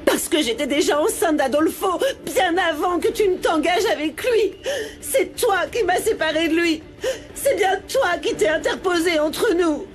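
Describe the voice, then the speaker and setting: A woman's voice: extremely high pitch, expressive, normal speed, soft background music. A tearful pleading mother. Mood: defiant. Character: mother defending a long-kept secret. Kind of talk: dubbed telenovela acting.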